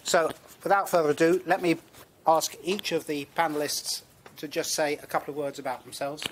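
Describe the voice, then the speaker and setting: A man's voice: on the high side, steady tone, a little fast, a little hiss or hum. A man introducing and moderating a panel discussion before a lecture-room audience.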